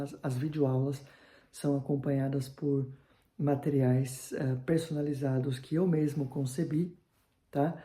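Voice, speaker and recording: Guy giving a grammar lesson, super mellow dark voice, keeps going "tá?", roomy echo. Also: on the high side. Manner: checks in with "tá?" after nearly every phrase, slows down for examples. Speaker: German teacher.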